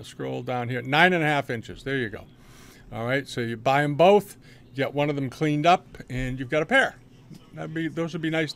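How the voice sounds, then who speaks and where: A man's voice: medium pitch, creaky, a bit bright. An older man casually commenting on auction results over a screen share, rambling with many fillers and restarts, recorded on a webcam indoors. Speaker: antiques dealer reviewing auctions.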